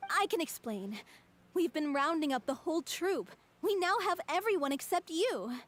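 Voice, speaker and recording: Teasing young troupe girl, high and lively, faint noise in the background. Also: normal speed. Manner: teasing, upbeat.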